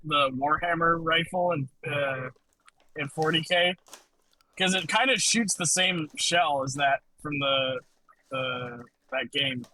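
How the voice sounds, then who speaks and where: Bright-voiced man pitching gear playfully. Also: slow pace, poor audio. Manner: playful sales-pitch delivery, joking. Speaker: presenter of a weapon pick. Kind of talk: casual group chat on a voice call.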